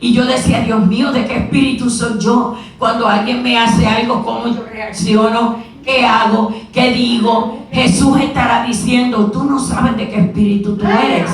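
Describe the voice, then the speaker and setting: Woman preacher, slightly high voice, storytelling sermon, echoey hall, distant mic. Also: fairly even intonation, moderate pace, soft background music. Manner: storytelling with rhetorical questions and asides. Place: church sanctuary.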